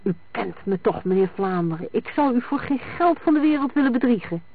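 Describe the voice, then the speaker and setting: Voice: medium pitch, animated, fairly quick, no room sound, voice pushed up. A reader voicing a nervous, evasive young petty crook who keeps protesting his innocence. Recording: dry, tinny lo-fi sound.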